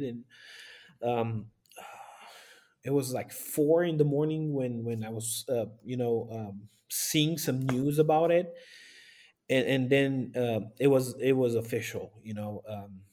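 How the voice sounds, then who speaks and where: A man, speaking earnestly and haltingly as an interview guest, with sighs. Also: medium pitch, warm tone. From Romania. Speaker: guest, aid volunteer and former pastor. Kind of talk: casual interview talk.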